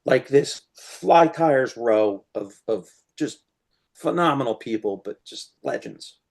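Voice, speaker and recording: A man's voice: medium pitch, takes it slowly. A man, a guest fly tier, chatting casually with lots of "you know" fillers as he demonstrates tying flies and tells stories. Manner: animated, laughs as he tells stories.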